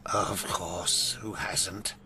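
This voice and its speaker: An actor playing a hesitant, uneasy old village man in a fantasy video game, speaking haltingly. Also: low-pitched, fairly even intonation, bright, forceful tone, full character voice. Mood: grave, uneasy. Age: older.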